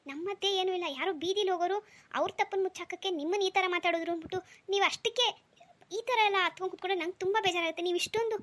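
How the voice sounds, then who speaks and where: A woman's voice: very high-pitched, bright, forceful tone. Woman voicing a protective cartoon dad. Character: protective husband and father, stern yet tender. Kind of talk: cartoon dialogue.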